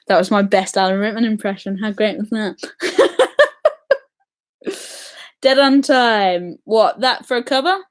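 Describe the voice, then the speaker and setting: A woman hosting a casual live stream, chatty and excitable, answering viewer comments with lots of ums. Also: medium pitch. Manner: chatty and excitable, many ums, reacts to comments as they come.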